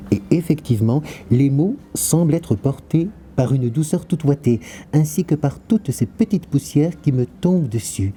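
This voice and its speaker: A comedian voicing a man lying under a bath rug who gushes in flowery, hushed words. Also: medium pitch, a little hiss or hum, pitched below the performer's own voice, close to an everyday voice. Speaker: stage comedian.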